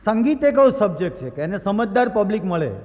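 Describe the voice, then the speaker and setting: A man's voice: sits high, big pitch swings, quick pace, darkish tone. A man with a Gujarati accent telling comic anecdotes on stage as a stand-up comedian and mimicry artist, slipping into the voices of the people he quotes. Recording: stage recording with long hall reverb.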